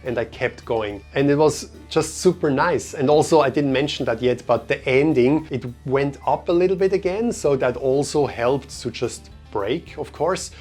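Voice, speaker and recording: A young man who grew up in Switzerland, telling a story in a relaxed, chatty vlog style with many fillers. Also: medium pitch, normal speed, few pauses. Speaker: vlogger. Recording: faint music behind.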